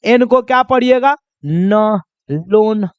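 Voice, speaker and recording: A man's voice: high voice, slow, clear, resonant tone, no echo, highs cut off. A man teaching pronunciation rules in a classroom-style lesson, constantly quizzing his listeners with repeated questions and calling them children. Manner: drills with repeated quiz questions; addresses viewers as children.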